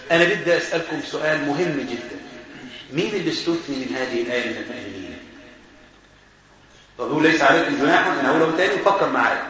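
A man with an Egyptian accent, teaching a lesson on Quran verses as a sheikh, quizzing his listeners and chuckling as he explains. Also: high voice. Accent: Egyptian Arabic. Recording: very echoey, dull recording with crowd noise.

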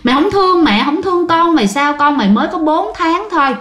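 A woman's voice: very high-pitched, expressive, fast, a bit bright, roomy sound, voice pushed up. A woman voicing a distraught mother who scolds her daughter in an anguished way. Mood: anguished scolding.

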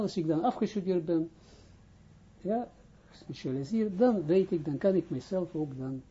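A rabbi giving an informal spoken lesson, a man who talks haltingly, restarts his phrases and keeps asking whether he is understood. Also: on the high side, dark tone, muffled recording, a little hiss or hum. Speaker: rabbi teaching Kabbalah.

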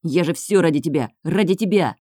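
A woman's voice: lowish voice, brisk, no echo, clean studio sound, close to an everyday voice. Woman voicing a snarling, obsessive young man. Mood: raging. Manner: snarling, swearing, shouting outbursts.

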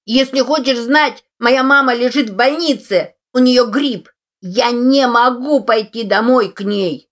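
A woman voicing a brash, defiant young boy who leads a gang of kids, shouting and taunting in an audiobook. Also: fairly high pitch, measured pace, pitched above the performer's own voice, lightly acted. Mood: upset.

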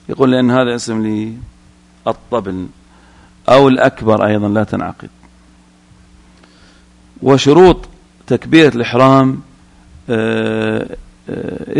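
A man's voice: mid-range voice, creaky. A man teaching Islamic jurisprudence, reading a line from a text and then explaining it, often putting questions to his students.

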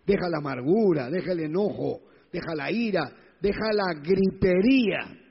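A man preaching a sermon, his voice high-pitched and a little husky. He hammers each point home by repeating his phrases. The recording is dull and lo-fi, with long church-hall reverb. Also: lively intonation, moderate pace. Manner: emphatic, repeats phrases, acts out quoted voices. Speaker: pastor.

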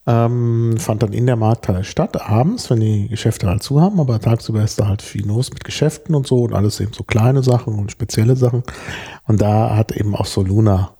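Dark, husky-voiced man explaining at length. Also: fairly low pitch. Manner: explains at length with many fillers and pauses; lecturing, digresses into etymology. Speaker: podcast co-host. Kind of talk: casual chat about bread and word origins.

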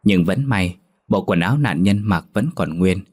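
Deep-voiced man narrating a horror story. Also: animated, measured pace, a little mellow, slightly rough.

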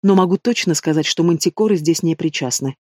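A man's voice: on the high side, fairly quick, darkish tone, dry recording, studio quality, close to an everyday voice. A man reading an audiobook, voicing a frightened young princess who talks in a trembling, pleading way. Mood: anxious.

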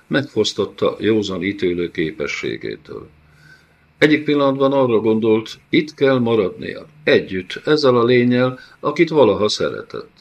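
A man narrating an audiobook in a measured, dramatic way. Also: lowish voice. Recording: dull lo-fi audiobook recording.

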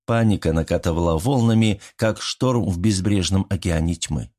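A man giving measured, scripted narration of a fairy tale. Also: sits low, warm tone.

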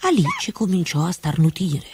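A woman reading a fairy tale aloud with slow, expressive storybook narration. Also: fairly low pitch, noisy background.

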